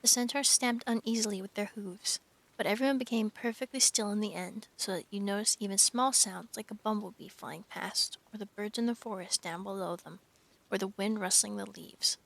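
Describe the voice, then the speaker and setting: A woman's voice: medium pitch, steady tone, moderate pace, creaky, a bit bright. A young woman reading a novel aloud on a live stream, with wry asides and cooing at her cat.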